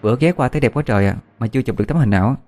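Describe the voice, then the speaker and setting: A man voicing a cheeky, pushy young woman student in an audiobook, raising his voice into a high, sing-song girlish tone. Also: very fast, warm tone, lightly acted. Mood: eager. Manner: teasing, wheedling. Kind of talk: audiobook character voice.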